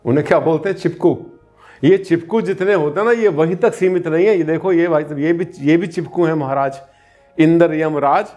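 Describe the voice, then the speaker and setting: A man's voice: fairly high pitch, fairly quick, darkish tone, dull audio, faint music behind. A man who works as a vastu consultant, explaining in a casual, colloquial and teasing way and asking his audience rhetorical questions. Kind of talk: casual spoken explainer to camera.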